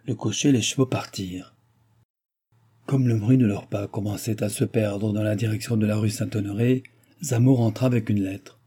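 A man narrating a classic novel as an audiobook, in a steady storytelling cadence. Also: lowish voice, normal speed, husky.

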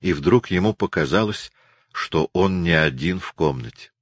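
A man narrating a novel as an audiobook, measured and expressive. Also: sits low, breathy edge, no room sound.

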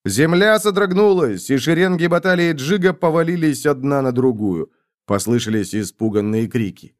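A man reading a fantasy audiobook aloud, voicing all the characters himself and shouting their battle orders. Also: mid-range voice, lively intonation, moderate pace. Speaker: audiobook narrator.

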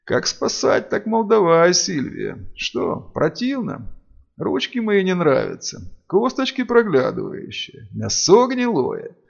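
Casting: bitter cursed girl-monster, hoarse croak, high and lively, read by a man. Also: slow, highs cut off, heavily acted. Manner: bitter, defiant, sobbing. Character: desperate cursed young woman turned monster.

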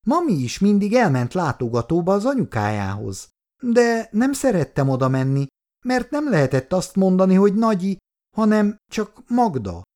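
A man voicing an eager, chatty little girl in an audiobook reading, with a high childlike voice. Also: big pitch swings, dark tone.

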